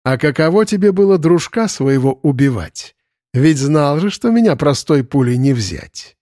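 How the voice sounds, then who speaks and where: A man's voice: fairly high pitch, lively intonation, moderate pace, dark tone, dry recording, studio quality, natural voice. A man voicing a mocking, shapeshifting bird spirit that has taken over a boy's body, in an audiobook. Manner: sneering, taunting. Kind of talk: audiobook character voice.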